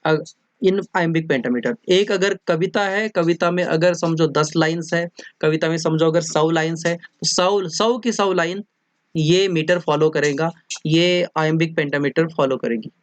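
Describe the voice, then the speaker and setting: Slow teacher explaining poetry meter. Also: mid-range voice, dry recording. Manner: repeats and checks understanding often. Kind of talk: classroom lecture mixing Hindi and English.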